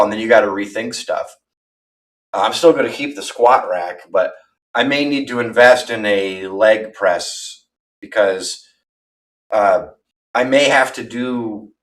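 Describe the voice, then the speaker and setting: A man in his thirties with a fairly low voice talks in a loose, rambling livestream chat. He is candid and self-deprecating, and he sits some distance from the microphone, so his voice sounds a bit far off. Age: 30s. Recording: voice from far off the mic.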